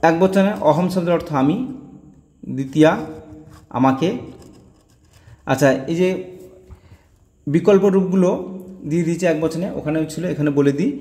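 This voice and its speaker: Drilling word endings one by one, a patient male teacher explains grammar in a warm, fairly high voice. He keeps a moderate pace and pauses often, and the bare room around him adds a long, echoing reverb.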